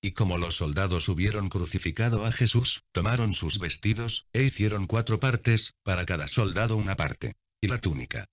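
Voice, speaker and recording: A man reading scripture aloud in a measured, steady way, as scripted narration. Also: on the low side, dry recording. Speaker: Bible reader. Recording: dull, dry lo-fi recording.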